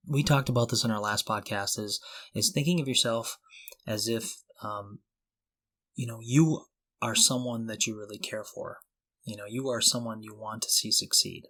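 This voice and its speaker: Co-hosting a podcast, a middle-aged man with a mid-range, somewhat bright voice speaks casually, earnestly and encouragingly, motivating his audience and putting questions to the listener.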